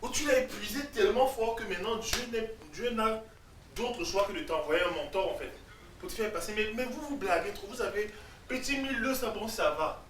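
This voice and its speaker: Bright-voiced man preaching from a distance. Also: high-pitched, brisk, a little hiss or hum. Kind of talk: faith testimony. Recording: echoey room, distant mic, faint ambience.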